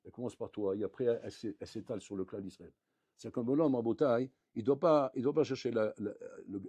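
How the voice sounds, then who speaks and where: A man, a rabbi, giving a lively Torah lesson, acting out little dialogues and swinging between loud outbursts and quiet asides. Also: mid-range voice, husky, no room sound. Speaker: rabbi teaching a Torah class.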